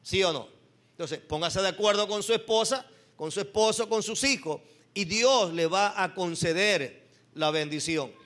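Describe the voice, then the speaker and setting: A man's voice: sits high, normal speed, fairly bright tone. An older man, a pastor preaching a sermon and telling his own story, asking the congregation questions. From Ecuador.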